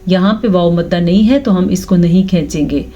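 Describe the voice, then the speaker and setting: A woman teaching Quran recitation rules, explaining each sound and then reciting words slowly and drawn out. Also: fairly low pitch, dark tone, highs cut off, a little hiss or hum. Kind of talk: recitation lesson with slow drawn-out recitation.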